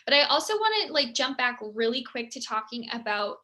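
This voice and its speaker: A bubbly young woman chats through a motivational talk for her team, laughing often. Her voice is high and bright, with a quick, forward sparkle. She keeps things light and friendly. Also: very animated. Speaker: team leader.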